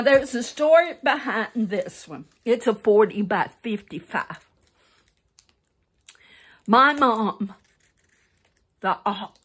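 A middle-aged woman with a mid-range, breathy-edged voice shows a craft kit in a casual show-and-tell from her seat at home. As a crafting vlogger, she talks slowly, rambling and fixing her own wording. A phone camera pointed at her lap does the recording.

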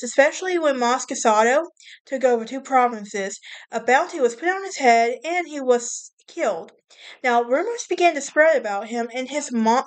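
Chatty woman hosting a history podcast. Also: on the high side. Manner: chatty, stumbles over names, laughs at herself. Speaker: podcast host. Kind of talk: casual history podcast narration.

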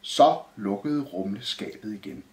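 A man reading a children's Christmas story aloud in a lively storytelling manner. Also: fairly low pitch. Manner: lively, sing-song storytelling. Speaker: narrator. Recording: roomy echo.

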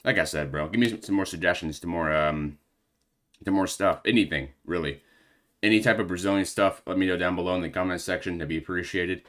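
Breathless young man with a low voice. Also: a little fast, fairly bright tone. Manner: rambling, loose slangy chat with lots of fillers. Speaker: reaction video host. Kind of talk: casual reaction commentary.

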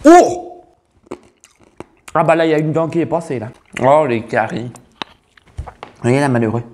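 A man's voice: on the high side, unhurried, a little mellow, a little hiss or hum, natural voice. A man playing a brash, crude female farmer with a Burgundian accent in a comic sketch. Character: brash middle-aged female farmer from the countryside. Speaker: taste-tester.

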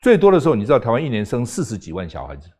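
Older guy on a talk show, rapid-fire, voice jumps all over, pushy questions. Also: medium pitch, huge pitch swings, darkish tone, breathy edge. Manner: emphatic, rapid-fire arguing with rhetorical questions. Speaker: guest. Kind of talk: political talk show debate.

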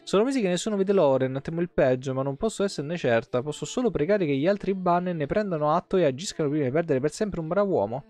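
Livestreaming by webcam from an indoor room, a man reads game lore aloud with expression, dropping offhand asides and correcting himself. His voice is fairly high, quick and expressive, with few pauses. Soft guitar game music plays behind him.

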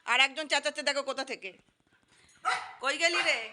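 A woman's voice: sits high, a little fast, very noisy. A woman vlogging casually around her home and yard, coaxing and chatty, often repeating herself. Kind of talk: casual vlog narration. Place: home and yard with wood stove.

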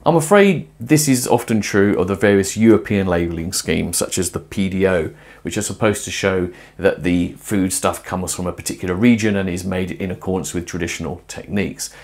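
A middle-aged man presenting a cooking and philosophy film in his home kitchen, explaining ideas in a thoughtful, lively way. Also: deep voice, brisk. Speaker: host.

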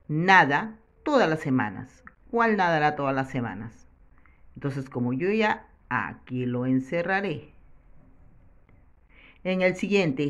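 A woman teacher, possibly, patiently walking children through English words and repeating each one with its meaning. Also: low voice. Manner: repeats each word then translates it. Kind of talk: slow, patient classroom instruction. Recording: muffled lo-fi recording.

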